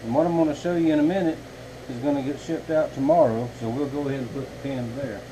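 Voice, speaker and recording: A man's voice: mid-range voice, steady tone, quick pace, background noise. A man, a knifemaker chatting casually and folksily to his viewers from his home workshop. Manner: rambling, folksy, talks to viewers as y'all. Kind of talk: casual vlog chat.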